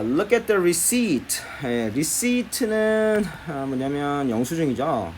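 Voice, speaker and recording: A man's voice: medium pitch, slight background noise. A man teaching a middle school English lesson, explaining textbook listening in a classroom style, often starting sentences with "자". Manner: lively, repeats "자" often, explains in Korean.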